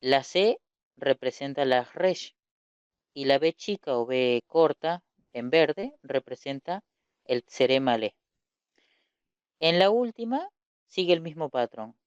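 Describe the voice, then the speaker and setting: A man's voice: mid-range voice, lively intonation, slow pace, long pauses, clean tone, no room sound, dull audio. A male teacher giving a recorded lesson, patiently explaining step by step and asking questions that he then answers himself.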